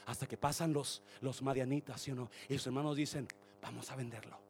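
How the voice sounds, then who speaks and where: A man preaching a sermon to his church in an animated, joking way, slipping English phrases into his Spanish. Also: medium pitch, a little fast, slight background noise. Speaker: pastor.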